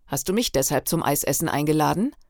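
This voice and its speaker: A woman's voice: deep voice, lively intonation, quick pace, no room sound, clean studio sound. A woman voicing a shy thirteen-year-old girl in an audiobook reading, hesitant and defensive.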